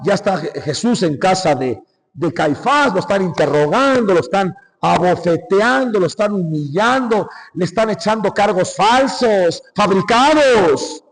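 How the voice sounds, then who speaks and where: A high-voiced Mexican priest gives a conversational Lenten sermon in a church, dramatically retelling events with shifting volume and often asking the congregation "¿sí?" The recording carries long church reverb from the hall.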